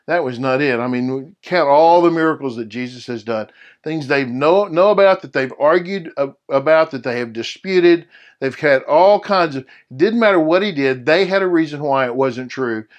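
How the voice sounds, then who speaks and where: A man's voice: medium pitch, animated, normal speed. A middle-aged man teaching a Bible study lesson in a conversational way, often checking in with his listeners.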